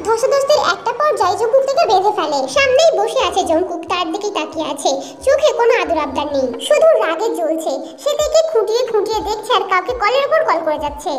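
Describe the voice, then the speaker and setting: A woman reading a romance fan story aloud with dramatic expression, over loud background music. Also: extremely high pitch, sing-song, fast, hardly any pauses.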